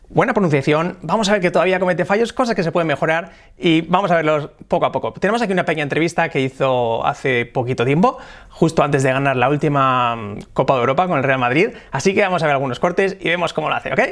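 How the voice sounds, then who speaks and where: A man with a Spain Spanish accent teaches English pronunciation in a video lesson. His voice sits a little high for a man, and he slows down to model English phrases. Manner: explanatory, demonstrates English phrases slowly.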